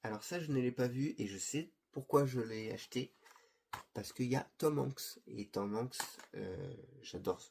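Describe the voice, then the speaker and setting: A man's voice: medium pitch, measured pace, gravelly, darkish tone, slight background noise. A middle-aged man presenting his film collection in a casual chat, hesitant and full of fillers and restarts. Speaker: video host presenting his Blu-ray collection.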